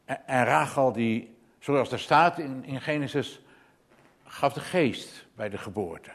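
A man's voice: mid-range voice, slow pace. A man preaching a sermon, earnest and emphatic, often repeating words as he goes.

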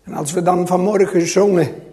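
A man preaching a sermon to his congregation, with a slow, dramatic delivery that swings between loud and hushed. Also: high-pitched, fairly even intonation. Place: church.

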